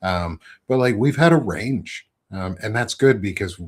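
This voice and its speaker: Deep-voiced man chatting with many ums. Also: lively intonation, unhurried. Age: 30s. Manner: rambling, filler-heavy, self-correcting. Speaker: podcast host. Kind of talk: casual conversational interview.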